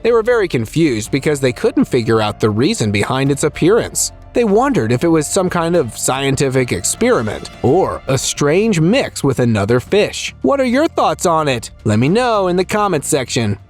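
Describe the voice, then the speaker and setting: A man's voice: on the high side, sing-song, moderate pace, few pauses, soft background music. A man reading scripted nature documentary narration for a video about strange creatures, as a voice-over.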